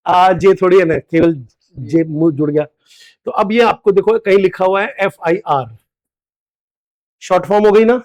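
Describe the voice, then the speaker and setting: Guy teaching a grammar class, high pitched, keeps asking the students questions. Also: darkish tone. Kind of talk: classroom lecture.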